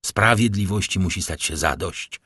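Firm, resolute doctor in an audiobook, emphatic, read by a man, husky and low. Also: moderate pace, pushed and bright, no room sound, studio quality, exaggerated voice.

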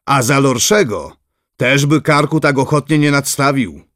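A fatherly old prince from a storybook, kindly and gently teasing, speaking slowly and with measured calm, as a male narrator plays him. His voice sits at a middle pitch. The recording is close and dry. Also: dry recording, natural voice. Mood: benevolent.

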